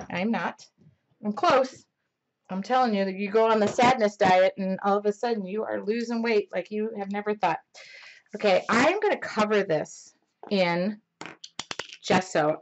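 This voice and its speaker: A woman hosting a live-streamed mixed media painting lesson, chatty and excitable, rambling and often talking loudly. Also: mid-range voice, highs cut off, a little hiss or hum. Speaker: mixed media art instructor.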